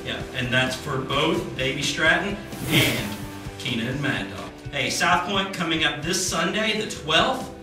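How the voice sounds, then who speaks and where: Brief: man doing a jokey church-video news anchor, slightly high voice, roomy sound. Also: expressive, unhurried, recorded from a distance, loud music behind the voice. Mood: cheery. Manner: upbeat, jokey, corny patter. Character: cheesy adult male church news anchor.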